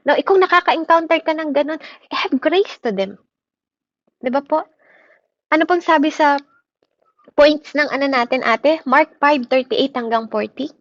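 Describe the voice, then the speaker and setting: A woman preaching a sermon in mixed Tagalog and English, animated, often checking in with "di ba?" with her listeners. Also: high-pitched, no echo. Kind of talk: Taglish sermon. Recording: muffled lo-fi sound.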